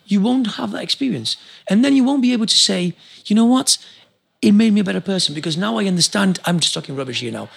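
A man from Argentina talks as a guest on a podcast, pressing his point with fervour and stacking up repeated words. His voice sits a bit high, rough with gravel and a husky grain. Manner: passionate, exhortative, many repeated words. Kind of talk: casual interview chat.

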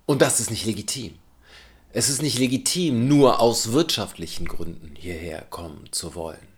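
A man's voice: fairly low pitch, normal speed. A man giving a reflective spoken essay in a thoughtful, questioning, argumentative way.

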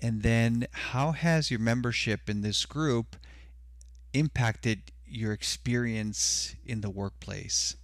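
A man's voice: medium pitch, takes it slowly, no echo, studio quality. A man from Mexico, a podcast guest talking in a friendly, conversational way. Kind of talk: casual conversation.

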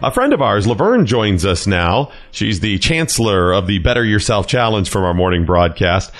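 A man's voice: lowish voice, very animated, moderate pace, no room sound. A male radio host interviewing a caller with sympathetic, prompting questions.

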